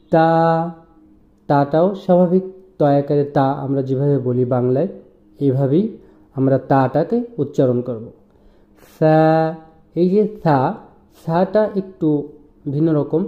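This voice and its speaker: A man teaching Quranic letter pronunciation in a slow, patient lesson, drawing out each sound as he demonstrates it. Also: fairly high pitch. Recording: roomy, dull lo-fi sound.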